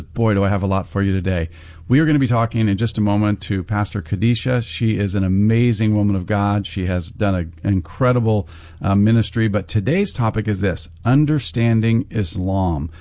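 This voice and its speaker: Upbeat low-voiced male radio host. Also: normal speed, a little mellow, dry recording. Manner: upbeat, affirming with frequent amens. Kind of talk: radio interview.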